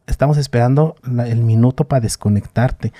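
A man's voice: medium pitch, brisk, dry recording, studio quality. A man with a Mexican accent, a podcast guest, recounting a personal story in casual slang and acting out the others' lines. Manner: animated retelling with slang and voices for others.

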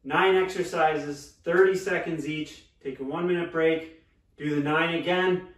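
High-pitched male workout coach, distant and roomy. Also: fairly even intonation, unhurried. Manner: calling out short instructions while exercising. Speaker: fitness coach and workout host. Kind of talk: home workout instruction. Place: living room at home, indoors. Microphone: far camera. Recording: roomy, distant camera mic with clear noise.

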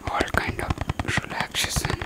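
A man in his twenties whispering soothing ASMR, breathy and very close to the microphone. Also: measured pace, low-quality recording. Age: 20s. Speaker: ASMR channel host. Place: small room indoors. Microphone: close fluffy-covered mic hung in front of the mouth.

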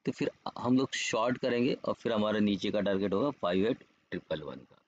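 A stock trading educator and host gives informal market analysis as a voice-over on a screen recording of charts, explaining things and often checking in with the listener through repeated tags. His low-ish voice is expressive and a little fast, and the lo-fi recording sounds dull and muffled with slight background noise.

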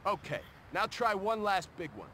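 An actor playing a greedy, pushy worker in a video game, brash and wisecracking. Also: male voice, sits high, sing-song, moderate pace, sharp tone, a little hiss or hum, exaggerated voice. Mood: brash scheming. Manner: brash wisecracking streetwise talk. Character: greedy blue-collar male worker, pushy schemer.

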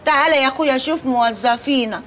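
An actress playing a loud, meddling, middle-aged working-class auntie who speaks Egyptian Arabic and trades folksy rhyming quips, in a TV comedy. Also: female voice, sits high, quick pace, a little hiss or hum. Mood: brash. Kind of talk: TV comedy acting. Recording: TV soundtrack with music underneath.

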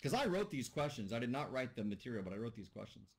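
A very animated man with a medium-pitched voice speaks fast while leading an online class over a video call. He's casual, joking with the students and thinking aloud, and the audio comes from a computer mic.

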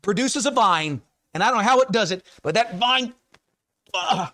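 A middle-aged American man preaching a sermon, moving from quiet folksy stories to shouted emphasis on scripture. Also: high voice, lively intonation, moderate pace. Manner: folksy, conversational storytelling between scripture readings. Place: church sanctuary.

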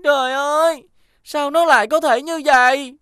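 Kem, a high, excitable little boy voiced by a woman. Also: normal speed, no echo, clean studio sound. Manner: eager, excitable child's chatter. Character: playful, careless young boy. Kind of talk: cartoon dubbing.

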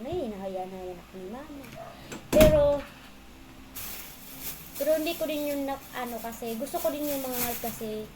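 A woman telling her own story in a casual, rambling way, often halting and restarting. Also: on the high side, background noise.

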